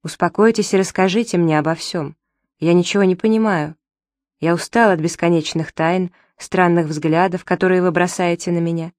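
A woman's voice: lowish voice, fairly even intonation, moderate pace, darkish tone, no echo, clean studio sound, lightly acted. Woman reading as a desperate young son. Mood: demanding. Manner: pleading, urgent.

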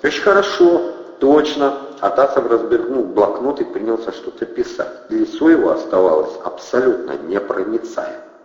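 A man narrating an audiobook with an expressive delivery. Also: fairly low pitch, moderate pace. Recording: echoey reverberant dull lo-fi.

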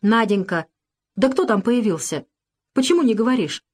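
A woman's voice: a little high, animated, normal speed, a little mellow. Woman reading as a fretful frail old father. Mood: impatient. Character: older man, frail father with asthma, shortsighted.

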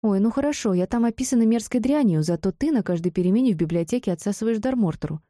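A woman's voice: medium pitch, lively intonation, fast talker, no room sound, studio quality, voice pushed up, lightly acted. Woman voicing a brash foul-mouthed student friend. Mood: mocking. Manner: sharp-tongued, mocking. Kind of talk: audiobook character voice.

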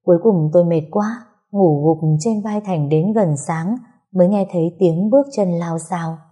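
A woman narrating a first-person story in a calm storytelling manner. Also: lowish voice, normal speed, breathy edge.

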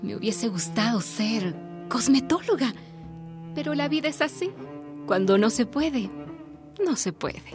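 Radio drama lead: a lonely middle-aged housewife drifting into drink, confessional and weepy, slow delivery, high-ish woman's voice. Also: animated, over music. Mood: weary. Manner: confessional, tearful, self-pitying. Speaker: housewife protagonist narrating her life. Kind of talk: radio drama monologue and dialogue.

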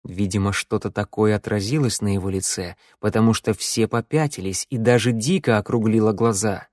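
A man reading a dark fantasy audiobook in a steady storytelling voice, close to the microphone. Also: on the low side, moderate pace, no room sound. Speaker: audiobook narrator. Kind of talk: scripted narration.

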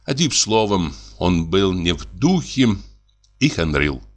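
Low-voiced male audiobook narrator. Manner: measured, expressive reading.

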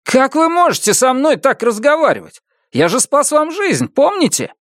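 Reader putting on a whiny shrill guy next door, nasty and sneering, audiobook, dry sound. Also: sing-song, moderate pace, a bit bright, dry recording, full character voice. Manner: sneering, bullying, rising to a shriek. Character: spiteful shrill male neighbor, grieving.

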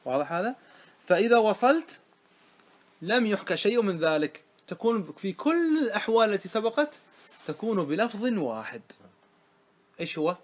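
A man's voice: sits high, sing-song, moderate pace, pauses often. A man teaching grammar in a classroom lesson, quizzing his students again and again. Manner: quizzing students with repeated questions.

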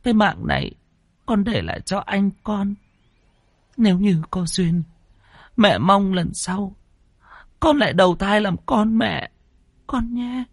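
A man voicing a grieving older landlady mother in a storybook ghost tale, speaking in a hushed, tearful, pleading way. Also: a little high, big pitch swings, unhurried, creaky, pauses often, husky, dry recording, studio quality, voice pushed up, full character voice.

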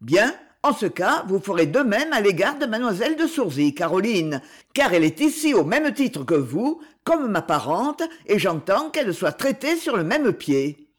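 A woman reads the role of a stern young nobleman, speaking in a commanding way that's firm, cold, and ironic. Her voice is mid-range with big pitch swings at a moderate pace.

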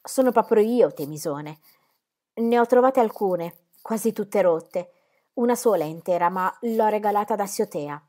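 A woman reading the part of an upright man who has been freed from slavery, speaking calmly and with measure. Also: mid-range voice, moderate pace, pitched above the performer's own voice, close to an everyday voice.

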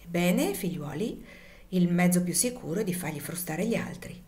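A woman's voice: fairly low pitch, animated, moderate pace, lightly acted. Legree, a brutal plantation master, as a woman puts him on. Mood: menacing. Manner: harsh, shouting, scornful. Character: cruel brutal male plantation master, middle-aged.

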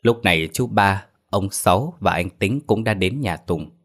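A male storyteller, reading a narrated village tale in a steady, measured way. His voice sits very low and even. It sounds like an audio story narration.

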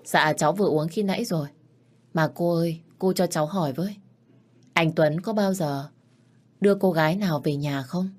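A frightened young bride speaks earnestly, pleading for answers, as a woman narrating a storybook puts her on. Her voice stays low-pitched. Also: normal speed, a little mellow. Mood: defiant.

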